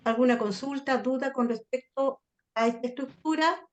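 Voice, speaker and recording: A woman's voice: high-pitched, moderate pace. A woman from Chile with a Chilean accent, a literature teacher explaining sonnet form in an online class, often checking in with her students.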